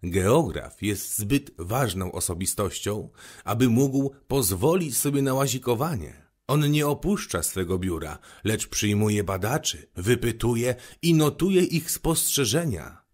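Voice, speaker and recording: A man voicing a pompous old geographer who lectures slowly and self-importantly. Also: mid-range voice, sing-song, darkish tone. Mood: lecturing.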